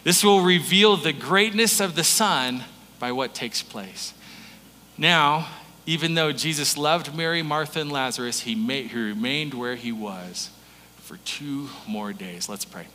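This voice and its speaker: A man's voice: on the high side, a little slow, bright, forceful tone, slight background noise. A man preaching a conversational sermon, informal and folksy, speaking directly to his listeners. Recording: reverberant hall.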